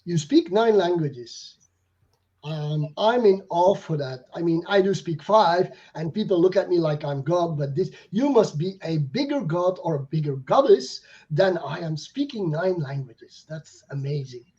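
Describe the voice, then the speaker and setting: A man's voice: on the high side, expressive, unhurried, dark tone, highs cut off. A man hosting a live online chat, talking casually with frequent fillers and restarts. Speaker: host.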